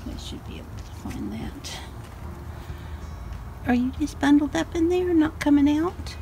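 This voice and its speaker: An older woman vlogger films herself on a handheld phone camera while doing morning farm chores in the backyard and shed, outdoors at night. She narrates casually and coos to her dogs and chickens in a high, sweet sing-song. Her voice is unhurried and dark in tone, with slight background noise.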